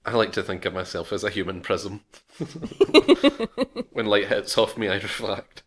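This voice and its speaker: A man's voice: fairly low pitch, huge pitch swings, a little slow, husky. A man with a Scottish accent, co-hosting a podcast in casual, self-mocking chat. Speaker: podcast co-host.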